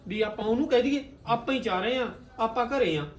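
Man playing a calm protective elder brother. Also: extremely high pitch, fairly quick, muffled recording. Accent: Punjabi. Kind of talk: Punjabi short film acting.

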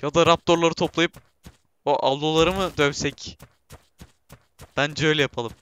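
Man, casual gameplay commentary, bright tense voice, slightly high, chatty, self-mocking, excited yelps. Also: normal speed, clean tone. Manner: chatty, talks to himself and viewers, bursts into excited shouts; self-mocking, laughs often. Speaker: gameplay streamer.

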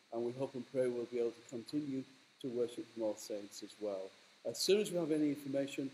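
A man's voice: mid-range voice, dark tone, a little hiss or hum, low-quality recording. A middle-aged man, a kindly parish priest, giving an informal welcome to his congregation before a church service. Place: inside a stone church.

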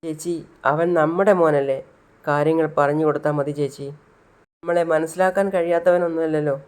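A man playing a gentle middle-aged aunt who coaxes her sister to eat, in a retold serial. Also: fairly high pitch, steady tone, brisk, clean tone, close to an everyday voice. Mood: coaxing. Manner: soothing, coaxing.

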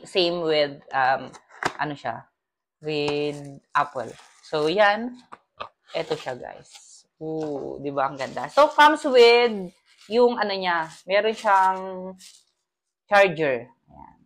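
A man's voice: on the high side, lively intonation, slow pace, pauses often, fairly bright tone. Chatty young Filipino man unboxing. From Philippines. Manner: chatty, addresses viewers as guys, switches between Tagalog and English. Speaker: vlogger. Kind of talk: casual product unboxing review. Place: small home kitchen, indoors. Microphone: lapel mic.

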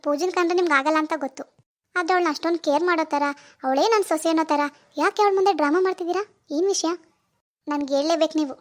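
A woman voicing a nosy young daughter-in-law in an animated family drama, loud and pushy with accusing questions. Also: very high-pitched, quick pace.

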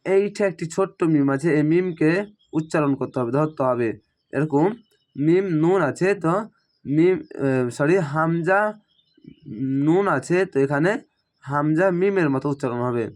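A man teaching Quran reading, spelling each word syllable by syllable and then reciting it slowly and drawn out. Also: a little high, a little mellow. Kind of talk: step-by-step recitation lesson.

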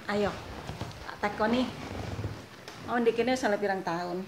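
A woman's voice: mid-range voice, a little slow. A woman from Indonesia, chatting casually to her viewers in a vlog and laughing often. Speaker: vlogger. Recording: echoey room, faint noise.

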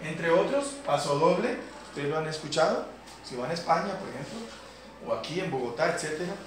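Speaking briskly and expressively in a voice on the high side, a Colombian man teaches beginning keyboard to students at a community center, patiently explaining and checking in. The recording, from a far camera, is echoey and has a noisy background with piano keyboard playing.

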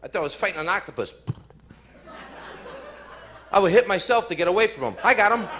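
On stage at a comedy club, a man with a high, expressive voice talks fairly fast, cursing freely, acting brash, and teasing the audience. Room noise comes through in this live recording.

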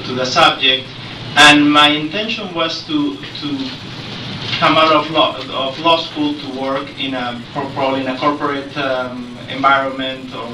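A middle-aged man from Peru with a Peruvian Spanish accent, speaking unscripted as a panelist with many pauses and restarts. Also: medium pitch. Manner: hesitant, many fillers and restarts. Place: large conference room at a panel table. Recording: echoey room, distant mic, noisy.

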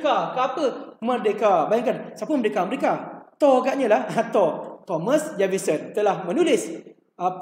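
A man's voice: sits high, a little mellow. An older man with a Malaysian Malay accent teaching a history class, chatty and repetitive, quizzing his students with memory tricks. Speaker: history tutor. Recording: echoey classroom, long reverb.

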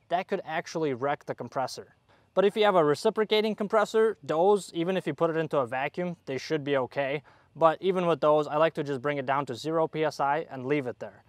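A young male HVAC technician with a somewhat high voice works on an outdoor air conditioner and talks through it step by step as a hands-on tutorial. The recording carries no room sound.

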